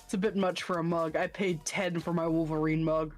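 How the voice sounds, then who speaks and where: A woman's voice: low-pitched, fairly even intonation, brisk. Chill woman hanging out on a friend's stream, faint music in the back. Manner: easygoing, fills with "uh". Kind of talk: casual chat.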